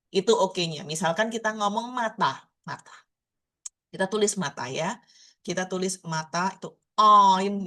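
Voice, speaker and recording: This is a woman with a Surabaya Javanese accent teaching a language class online. Her voice sits slightly low and she speaks very slowly. She drills each sound again and again with steady patience. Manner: slow, patient, repeats words to drill pronunciation.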